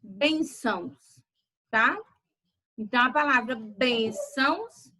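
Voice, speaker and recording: Slow, bright-voiced teacher. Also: female voice, fairly high pitch, rough recording. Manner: slow, deliberate word-by-word dictation. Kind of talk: online grammar lesson.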